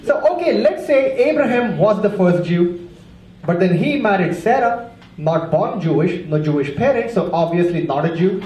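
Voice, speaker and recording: A man's voice: high voice, lively intonation, moderate pace, a little mellow. A man from India doing a wry, conversational stand-up routine and acting out voices. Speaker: stand-up comedian. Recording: roomy club with audience noise.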